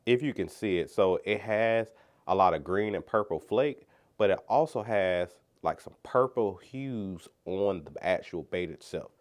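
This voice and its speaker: A man with a low voice, stuffed up and nasal from congestion. He hosts a fishing channel and talks loosely and chattily, full of "like" and "so", as he unboxes gear in a casual vlog. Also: a little slow. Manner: chatty and rambling, with lots of "like" and "so". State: congested, talking through his nose.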